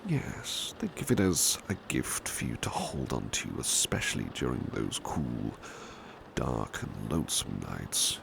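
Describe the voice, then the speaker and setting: An ASMR roleplay performer voices a British gentleman butler, very deep and heavily creaky, murmuring slowly and softly in an exaggerated, gravelly style that drifts into breathy whispers. Courteous and protective, he speaks in kindly, reassuring, old-fashioned formal phrases. Steady rain sits behind the voice in a clear recording.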